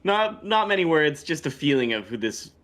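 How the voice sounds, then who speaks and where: A man's voice: on the high side, big pitch swings, normal speed, fairly bright tone. A man hosting a casual podcast trivia game, playful and laughing often. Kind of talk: casual chat.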